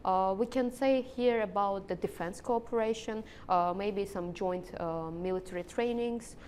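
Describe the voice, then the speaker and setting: A woman with an Azerbaijani accent giving political interview answers, haltingly searching for words as she explains. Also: a little mellow. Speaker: interviewed analyst. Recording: rumbling background noise.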